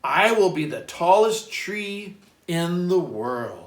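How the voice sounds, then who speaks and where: Man voicing an earnest young female tree, raised pitch. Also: big pitch swings, slow, exaggerated voice. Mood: earnest, determined. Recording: roomy echo, distant microphone.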